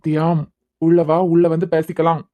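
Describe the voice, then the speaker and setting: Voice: mid-range voice, monotone, normal speed, dark tone, natural voice. A voice actor doing a pleading young cartoon husband. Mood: soothing, insistent. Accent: Kanyakumari Tamil. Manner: pleading, soothing, insistent. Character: young husband begging his wife to stay. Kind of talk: cartoon serial dialogue.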